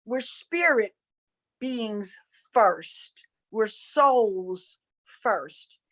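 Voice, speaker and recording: Drawing out her words, a woman with a somewhat high, expressive and slightly bright voice teaches earnestly but casually about spirituality. She has a Southern accent from North Carolina, USA, and repeats phrases for emphasis.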